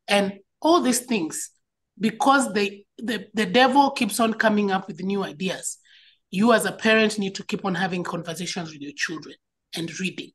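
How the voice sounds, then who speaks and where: A woman's voice: mid-range voice, husky. Earnest woman. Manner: earnest, personal, repeats words when stressing a point. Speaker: school educator and parent speaker. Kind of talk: panel talk on child safety.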